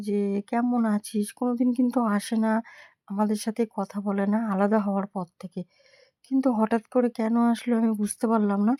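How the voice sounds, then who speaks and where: A woman who is sick with a fever, talking softly and weakly to her viewers in a casual home vlog. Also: a little high. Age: adult mother. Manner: speaks softly, often near a whisper. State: ill with fever, weak voice. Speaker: family vlogger.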